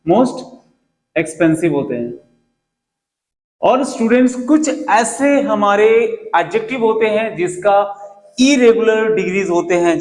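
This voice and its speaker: High-voiced Hindi-accented grammar teacher. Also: male voice, low-quality recording. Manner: repeats key words, quizzes students with questions. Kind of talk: classroom grammar lesson.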